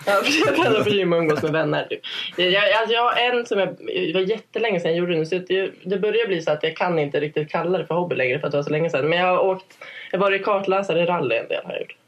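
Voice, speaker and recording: A woman's voice: fairly low pitch, animated. A 21-year-old woman from Sweden chatting easily as a podcast guest. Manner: chatty, easygoing, quick to laugh. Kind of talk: casual chat.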